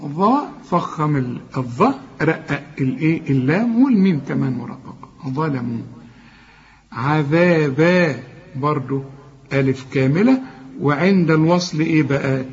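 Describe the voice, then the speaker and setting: High-voiced Egyptian sheikh drilling recitation. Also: male voice, darkish tone, dull audio. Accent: Egyptian Arabic. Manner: drills words slowly, then explains in quick colloquial asides; corrective, direct to the learner. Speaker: Quran teacher. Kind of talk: tajweed recitation lesson.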